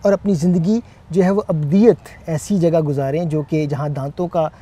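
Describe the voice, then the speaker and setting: A man co-hosting a Bible teaching talk, speaking in a measured way with frequent hesitant fillers. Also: fairly high pitch, steady tone, dark tone. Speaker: co-host.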